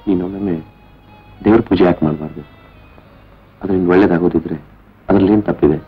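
An actor playing an irritable, suspicious husband who fires sharp, accusing questions, in a 1970s Indian film. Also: male voice, low-pitched, fairly even intonation, fast, lightly acted. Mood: brooding. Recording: dull old film soundtrack with faint music.

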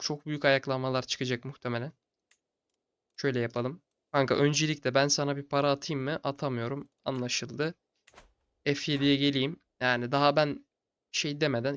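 A young man giving casual, low-key commentary on a strategy game late at night, sounding tired and chatting to the game's characters like buddies. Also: a bit bright, clear, resonant tone, dry recording, muffled recording. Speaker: gaming channel host.

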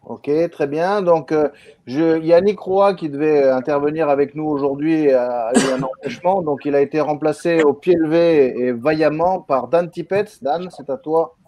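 A man moderating a video meeting, briskly calling on each participant by name. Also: on the high side, dull audio. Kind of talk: casual introductions on a video call.

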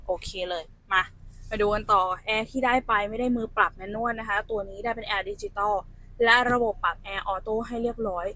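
A woman's voice: a little high, a bit bright. Chatty saleswoman with a raised voice. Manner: chatty, addresses viewers as elder sibling. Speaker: used car saleswoman. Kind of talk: sales walkaround presentation.

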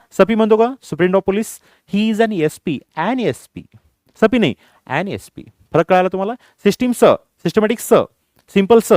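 A man leads an English grammar lesson, asking his students the same question again and again before answering it himself. His pitch swings widely and sits a little high for a man. The sound is dry and close, with no room echo. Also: a little mellow. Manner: mixes English phrases into his explanation. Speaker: English teacher.

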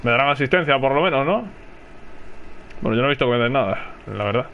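A gaming streamer from Spain, with a Spanish accent, comments live on his own gameplay in an expressive, mid-range voice at a quick pace. He chats, reacts aloud and calls out to teammates. The audio is lo-fi.

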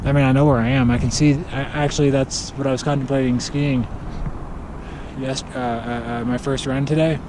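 Wind and camera noise accompany this self-filmed backcountry skier, who reasons aloud to the camera alone in a snowy mountain forest. His mid-range voice keeps a fairly even intonation at normal speed, while he sounds hesitant and self-critical, letting out the odd nervous laugh.

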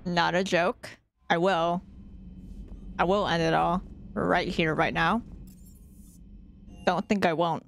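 A woman's voice: lowish voice, steady tone, takes it slowly, vocal fry, pauses often, slight background noise. A young woman streamer giving casual, anxious reaction commentary on a game she is playing for the first time, often repeating herself and giggling. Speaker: gaming streamer.

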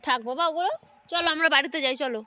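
A woman's voice: sits high, rapid-fire. A woman with a Bengali accent chatting casually to viewers in a daily vlog, talking to her small child as she goes. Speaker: vlogger.

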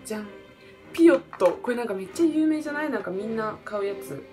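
A young woman with a lilt talks fast and rambles excitably through a casual vlog, her pitch bouncing all over. She sits in a hotel room at night, facing a camera under bright lights, with background music playing under her voice. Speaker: vlogger. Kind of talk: casual solo vlog chat. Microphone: camera in front under bright lights.

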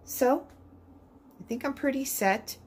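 A woman narrating a budget grocery vlog in voice-over, calmly listing each item and its price. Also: high-pitched, slow pace, a little hiss or hum. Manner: calm, list-like item-by-item rundown of prices.

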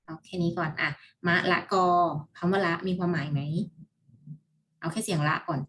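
A woman teacher talks through a lesson from home in a casual, chatty way. Her voice sits a little low, and she often corrects herself in quick asides. It sounds like an informal computer recording. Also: fairly even intonation, fairly bright tone, slight background noise. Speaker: primary school teacher. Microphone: computer recording with screen and mouse.

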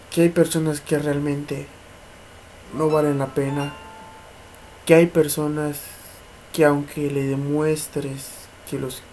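A young man with a Mexican accent chats through a late-night paranormal vlog in a slightly high voice. He rambles, repeats himself and mimics knocking as he tells it. Faint background noise hums behind him. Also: darkish tone. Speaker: paranormal vlogger. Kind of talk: casual night-time storytelling vlog. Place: home at night, neighbours' party noise outside.

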